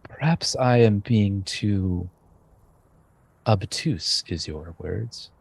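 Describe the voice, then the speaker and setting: Guy doing a blind old shaman, low husky voice, slow cryptic talk. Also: no room sound, exaggerated voice. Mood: solemn. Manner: slow, grave, measured delivery.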